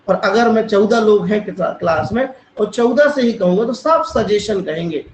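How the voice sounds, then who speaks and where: A man's voice: sits high, roomy sound, slight background noise, low-quality recording. A man from India teaching an online English class. He spells words out letter by letter and checks in often with his students. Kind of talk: online English grammar lesson. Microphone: online class call.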